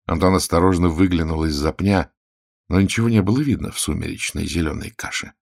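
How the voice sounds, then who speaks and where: A man reads a story aloud in a steady, measured way. His voice is deep and low. The recording is dry and close, with no room sound. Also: creaky, dry recording. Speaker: narrator. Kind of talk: audiobook narration.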